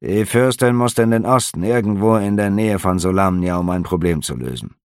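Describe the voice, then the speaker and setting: A gruff, guarded half-elf officer, read by a man in a fantasy audiobook. He growls his short answers coldly, with a gravelly edge, a little raised and louder than the narration. The sound is close and dry. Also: medium pitch, very animated, normal speed, dry recording, voice pushed up. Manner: growling, curt, cold.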